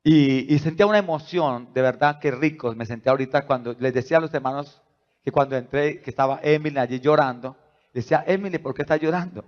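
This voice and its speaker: A male pastor preaching a sermon, asking the congregation rhetorical questions and swinging between soft asides and loud, rising emphasis. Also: mid-range voice, a little fast. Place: church. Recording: dull lo-fi church recording.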